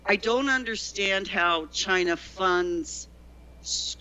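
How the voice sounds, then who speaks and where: A chatty woman guest with a bright, forceful voice, telling rambling stories full of restarts and asides. Her audio is dull and lo-fi. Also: mid-range voice, takes it slowly, clean tone. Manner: chatty, digressive storyteller with many restarts. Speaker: guest, former teacher in China. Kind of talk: conversational interview.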